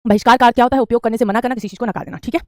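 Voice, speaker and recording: A woman's voice: a little high, steady tone, racing, no room sound, clean studio sound. A woman, teaching Hindi spelling in an online class, repeating each word and calling students beta. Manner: repetitive drilling, calls students beta.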